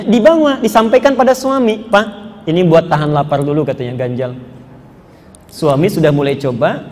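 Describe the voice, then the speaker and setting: High-voiced preacher in echoing hall. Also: male voice, a little mellow. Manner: storytelling, acts out quoted dialogue, asks audience questions. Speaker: Islamic preacher. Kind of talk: lively marriage sermon with anecdotes. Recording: long hall reverb, faint noise.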